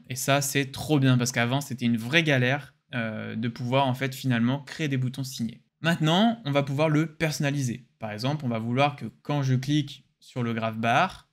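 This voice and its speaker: A young man with a French accent hosting a casual, enthusiastic software tutorial. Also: medium pitch. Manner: casual, joking, enthusiastic explainer. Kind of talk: screen-recorded software tutorial.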